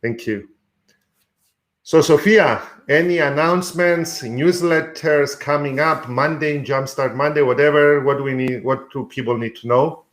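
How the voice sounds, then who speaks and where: A man with a fairly high voice hosts a live mentoring stream from a room at home. He coaches patiently and instructively, with many fillers along the way. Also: measured pace, fairly bright tone. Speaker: host and sales mentor.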